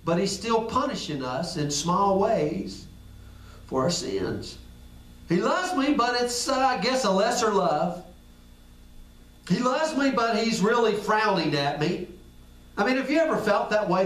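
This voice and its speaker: A man's voice: sits high, fairly bright tone. A man preaching a sermon in a folksy, conversational way. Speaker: pastor. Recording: echoey room, picked up from a distance.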